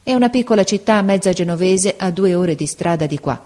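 A woman voicing a kindly older man in a storybook reading, calm and compassionate. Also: lowish voice, brisk. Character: kindly older bearded man, Spanish-speaking.

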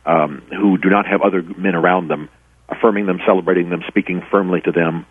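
A man's voice: low voice, steady tone, brisk, slightly rough, dry recording. A middle-aged man, an author and former pastor, telling stories earnestly in a radio interview with many restarts. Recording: tinny phone line, dry.

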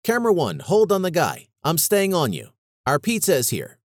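A man's voice: fairly high pitch, big pitch swings, normal speed, no echo, clean studio sound, pitched above the performer's own voice. A man reading a story and voicing a harried male TV director who blurts out orders. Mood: hurried.

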